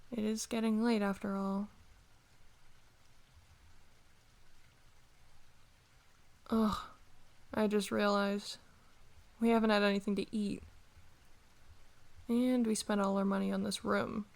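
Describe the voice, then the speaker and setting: A woman playing a prickly, bossy young female rival who grudgingly cares, in an ASMR role-play audio drama, grumbling and conversational with a creaky voice. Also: mid-range voice, little pitch movement, moderate pace, darkish tone, lightly acted. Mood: tired, resigned.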